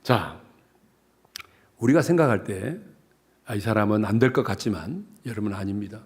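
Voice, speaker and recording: A man from South Jeolla, Korea, preaching a revival sermon as pastor in a joking, animated way. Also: lowish voice, normal speed, breathy edge.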